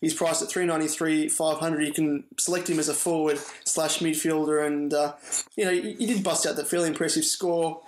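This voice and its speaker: A tired Australian man co-hosting a casual fantasy football chat, relaxed and full of fillers. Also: a little high, brisk, echoey room, slight background noise, rough recording. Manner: relaxed, laughs easily, many fillers. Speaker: fantasy football podcast co-host.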